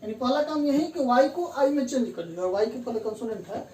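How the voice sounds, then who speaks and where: Woman grammar teacher, patient step-by-step explainer, mellow tone, far from the mic in a roomy space. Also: on the high side, animated, quick pace. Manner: explains step by step, repeats key terms and says "theek hai" to check understanding. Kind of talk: classroom lesson explaining grammar rules. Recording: distant roomy mic with faint room hum.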